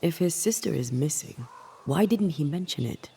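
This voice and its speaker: A man acting a sceptical, analytical investigator in a video game, with a dry, creaky, husky delivery. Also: a little high, expressive, normal speed, warm tone, a little hiss or hum.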